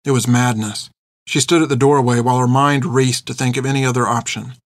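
A man narrating an audiobook in a steady, measured storytelling voice. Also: mid-range voice, no room sound, clean studio sound.

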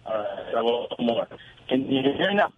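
A male caller stumbles through his words over a weak cell phone line that keeps fading in and out through crackling static. The sound is thin and phone-like, and a steady hiss sits under his voice. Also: mid-range voice, a little fast. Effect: cell phone line breaking up, fading in and out through static. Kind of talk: call-in radio talk. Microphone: cell phone with one bar of signal.

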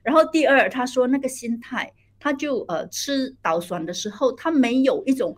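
A middle-aged woman, a guest telling lively anecdotes about her children with many hesitations and bits of English. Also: high voice, normal speed. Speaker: guest, theatre director and mother. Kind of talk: conversational storytelling interview.

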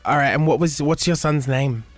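A man's voice: on the high side, moderate pace, very noisy, natural voice. A man doing brash flirty woman Carla. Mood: sassy. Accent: Australian. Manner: brash, flirty, calls everyone bro. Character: sassy, flirty Bankstown woman answering phones. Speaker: radio host doing a character. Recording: loud music behind.

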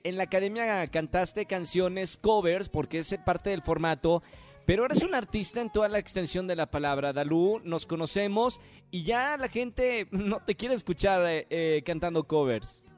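High-voiced playful radio host. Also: male voice, faint music behind. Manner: playful, teasing, quick. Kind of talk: live radio interview. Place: at home.

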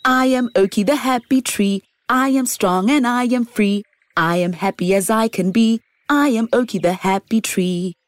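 A woman's voice: medium pitch, wildly swooping pitch, a little slow, slightly rough, dry recording, exaggerated voice. A woman voicing a cheerful, contented male oak tree in a storybook, sing-song and upbeat.

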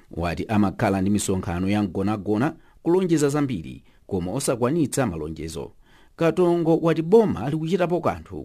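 Mellow, lively Malawian sports newsreader, male. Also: on the low side. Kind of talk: scripted sports news reading.

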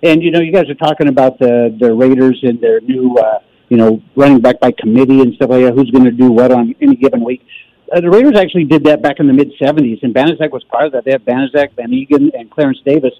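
A man's voice: mid-range voice, animated, quick pace, vocal fry, no room sound. A man calling a sports radio show by phone, talking casually and emphatically with strong opinions. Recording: dull, band-limited phone call.

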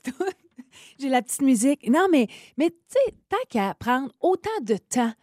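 A woman in her thirties with a Quebec French accent, co-hosting a casual radio chat, lively and laughing often. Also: sits high, unhurried, dry recording, studio quality. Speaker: radio co-host.

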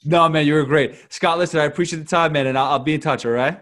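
A man's voice: on the high side, fairly even intonation, fast, fairly bright tone. A man hosting a sports podcast, talking casually in an emphatic, colloquial way and often repeating his phrases. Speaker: podcast host. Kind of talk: casual MMA podcast talk and commentary.

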